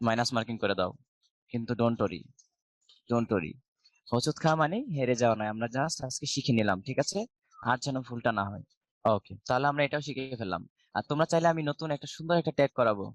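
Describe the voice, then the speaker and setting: A man's voice: mid-range voice, animated, quick pace, no room sound. Bangladeshi man teaching an online English class. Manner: explains step by step, asks the class questions and answers them himself.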